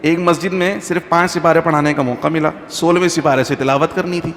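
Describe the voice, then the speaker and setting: Speaking to worshippers in a mosque, a male mufti keeps his talk informal, chatty, and rich in anecdotes, pausing to chant Quranic verses slowly. His voice is on the high side, a bit bright, with fairly even intonation, and the audio carries long reverb and faint background noise.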